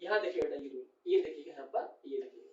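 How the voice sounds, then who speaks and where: A man's voice: on the high side, lively intonation, fast talker. A male teacher giving a chemistry lesson, calling his students "beta" and often checking that they follow. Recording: echoey, distant, dull sound.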